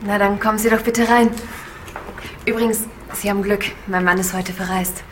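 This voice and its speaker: A woman's voice: medium pitch, fairly even intonation, moderate pace, slight background noise, close to an everyday voice. A woman playing a coy, flirty housewife. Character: suggestive housewife alone at home. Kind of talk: ad acting. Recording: voice over loud background music.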